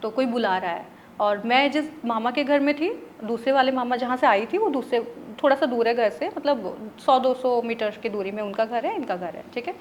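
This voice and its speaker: A tarot reader from Odisha, India, speaks as an interview guest in a slightly high voice at a normal pace, with a little hiss or hum in the background. She tells a story chattily, slipping in English words and checking in with her listener.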